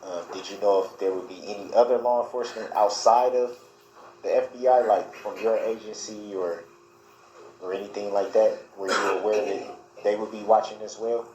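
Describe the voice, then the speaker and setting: A man questioning a witness in a courtroom cross examination, speaking formally and haltingly. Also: lowish voice, steady tone, darkish tone, dull audio. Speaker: defendant questioning a witness as his own lawyer. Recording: echoey courtroom with faint noise.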